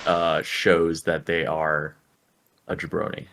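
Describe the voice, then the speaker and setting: A man's voice: a bass voice, level tone, takes it slowly, fairly bright tone. A man co-hosting a game review show, chatting casually with blunt, slangy remarks.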